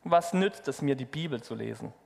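A man voicing a frustrated young boy who pleads with his grandfather in a higher storytelling voice. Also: lively intonation, fairly quick, vocal fry. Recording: long hall reverb.

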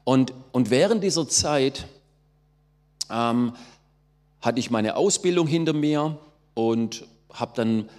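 A man's voice: mid-range voice, expressive, slow, pauses often, a little mellow. Man telling his story in a reverberant hall. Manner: storytelling, acts out quoted voices, many fillers. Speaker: testimony speaker. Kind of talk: personal testimony.

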